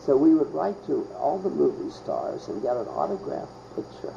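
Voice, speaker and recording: An older man from Pittsburgh reminiscing in an interview, halting and searching for words with many pauses. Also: mid-range voice, huge pitch swings, gravelly, slight background noise. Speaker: oral history interviewee. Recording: muffled, with loud crickets behind.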